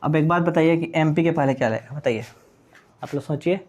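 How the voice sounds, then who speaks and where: A man's voice: a little high, brisk. A man teaching English grammar in Hindi, asking questions and answering them himself and spelling words out letter by letter. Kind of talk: classroom-style lecture.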